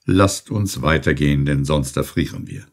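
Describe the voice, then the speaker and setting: A man voicing a weary old male sea captain who speaks slowly and gravely. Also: a bass voice, big pitch swings, voice pushed down, full character voice.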